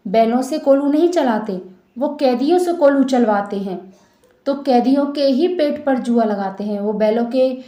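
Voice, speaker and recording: Higher-pitched woman teaching a Hindi poem. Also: mellow. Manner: reads verses slowly, then paraphrases in plain words. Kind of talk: explaining a poem line by line.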